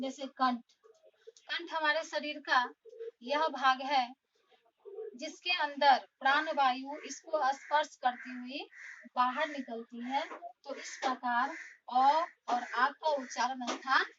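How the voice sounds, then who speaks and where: A woman with a high voice teaches a classroom lesson, explaining each point slowly and deliberately. She sounds some distance from the mic, and the recording is dull and lo-fi. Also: fairly bright tone, slight background noise. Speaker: school teacher. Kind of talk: classroom lesson on Hindi phonetics.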